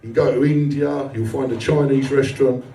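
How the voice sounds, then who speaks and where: In a small indoor comedy club, a man in his 40s does live stand-up, blunt and sweary, chatting with the crowd and poking fun at himself. His mid-range voice is steady, mellow and fairly quick, picked up by a distant mic in a roomy space with audience noise.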